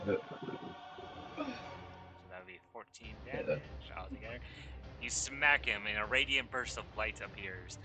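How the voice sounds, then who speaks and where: A man's voice: lowish voice, very animated, unhurried, pauses often. Easygoing man running a tabletop game. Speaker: game master. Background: background music.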